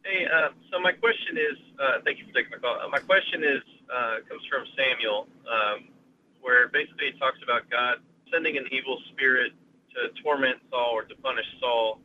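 Male call-in listener on a radio show, phone-line sound, muffled with light noise, halting delivery. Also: mid-range voice. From Kentucky. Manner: hesitant, many fillers. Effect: caller heard over the phone line.

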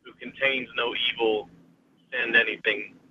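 A man's voice: medium pitch, fairly even intonation, a little slow. A man from Kentucky calling in to a radio show, hesitant and full of fillers, heard over the phone line. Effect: caller heard over the phone line. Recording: dull lo-fi phone line with faint noise.

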